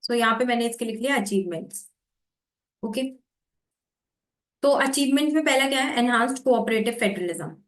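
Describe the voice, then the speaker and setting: A woman teaching exam preparation, explaining how to make notes and reading passages aloud slowly in a mix of Hindi and English. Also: a little high, lively intonation, roomy sound. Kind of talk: explaining note-making while reading aloud.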